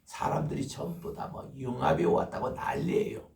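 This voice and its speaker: An older man, a pastor, preaching a sermon with lively storytelling and acted-out scoldings. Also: moderate pace. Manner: animated storytelling, acting out scolding voices. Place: church sanctuary. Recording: echoey church hall from far off.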